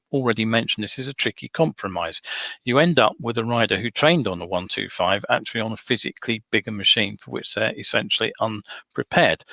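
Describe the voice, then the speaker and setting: A man speaks alone into a desk microphone, hosting a live webcast. His voice is bright and forceful, recorded dry and close. He talks in a measured, advisory way, pausing on ums and uhs. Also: mid-range voice, creaky, no echo. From United Kingdom. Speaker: host of a motorcycle safety webcast. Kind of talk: solo live webcast talk.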